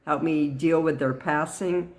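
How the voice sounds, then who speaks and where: A middle-aged woman giving a personal talk to camera in an earnest, halting way. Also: low-pitched, fairly even intonation, a little mellow. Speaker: vlogger sharing personal experience.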